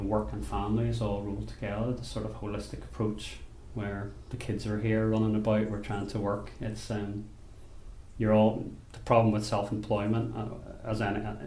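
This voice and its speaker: A man from Belfast with a Northern Irish accent, a basket maker talking about his craft in an unhurried, thoughtful way, often restarting his sentences. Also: on the low side, flat delivery, darkish tone, echoey room, slight background noise. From Belfast, Northern Ireland. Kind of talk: interview monologue. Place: rural workshop or home.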